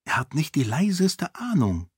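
Man doing a sly, sharp-witted young princess. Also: mid-range voice, expressive, a little slow, husky, no room sound, studio quality. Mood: worried. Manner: hushed and wry.

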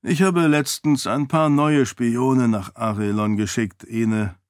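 A man voicing an older king and father in an audiobook, speaking in a dry, gently teasing way. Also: mid-range voice, slow pace, no room sound, lightly acted. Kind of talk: audiobook character voice.

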